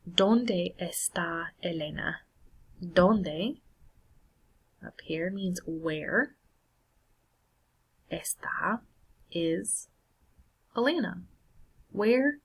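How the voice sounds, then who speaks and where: Slow, low-voiced woman teacher. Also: expressive, breathy edge, low-quality recording. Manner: patient, checks in with "right?" and "all right". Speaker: Spanish teacher. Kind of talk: screen-share lesson walkthrough.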